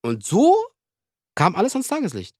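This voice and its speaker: A man's voice: high-pitched, normal speed, no echo, clean studio sound. A man co-hosting a podcast, chatting casually and telling stories that he acts out with voices. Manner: animated storyteller, acts out quotes. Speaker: podcast co-host. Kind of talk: casual chat.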